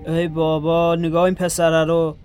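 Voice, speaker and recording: An actor playing a young wounded soldier, grieving and quick to anger, blunt and scolding. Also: male voice, fairly high pitch, monotone, over music, lightly acted. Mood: angry.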